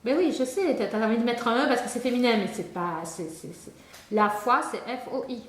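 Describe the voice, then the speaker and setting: A woman's voice: on the high side, fairly quick. A woman doing a comedic spelling lesson, rambling to an imagined pupil, trailing off mid-sentence and laughing at herself. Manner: scatterbrained, rambling, talks to an unseen student, trails off and laughs. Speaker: comic spelling tutor. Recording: echoey room with faint noise.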